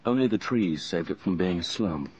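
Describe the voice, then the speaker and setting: In a radio drama, a male actor with a low, expressive, darkish voice plays an earnest, infatuated and uneasy young British man telling his own story. He narrates in the first person at a moderate pace, hesitant and introspective, with a brooding, reflective mood. A little background noise can be heard.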